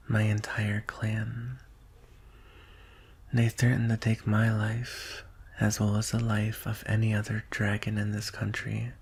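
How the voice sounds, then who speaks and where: In an intimate ASMR roleplay, a man voices a devoted, solemn male dragon guard, speaking in a lowish, exaggerated, husky voice that is hushed and wistful. He often drops to a whisper and talks deliberately, with long pauses.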